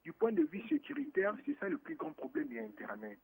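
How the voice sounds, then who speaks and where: A Moroccan-born man calls in to a radio show and chats casually, rambling and restarting often as he mixes French with Lingala. Over the phone line, his voice is extremely high and darkish with vocal fry, swooping wildly in pitch at a fairly quick pace.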